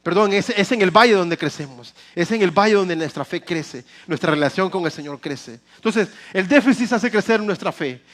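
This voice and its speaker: A male pastor preaching a sermon in a humorous, lively way, mixing in English phrases, in a church. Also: high voice, normal speed, few pauses.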